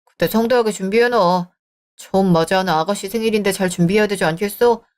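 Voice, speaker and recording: A woman's voice: mid-range voice, fast talker, a little mellow, lightly acted. A woman voicing a dismissive selfish husband. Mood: scornful. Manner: dismissive, irritated, sarcastic. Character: selfish young married man, eldest son. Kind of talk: dramatized story reading.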